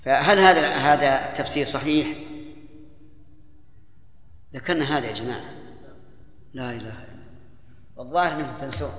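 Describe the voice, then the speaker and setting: A man's voice: mid-range voice, brisk, long pauses, fairly bright tone. An older male scholar giving a Quran lesson, quizzing his students and chiding them when they forget. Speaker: Islamic scholar teaching tafsir. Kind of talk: classroom lesson with questions to students. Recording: echoey hall, old tape lecture recording.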